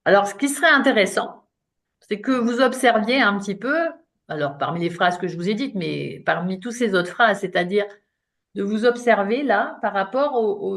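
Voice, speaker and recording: A woman in her late fifties, a coach giving an informal talk in French, chatty and self-mocking with frequent fillers. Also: mid-range voice. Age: 50s. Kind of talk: live online talk to an audience.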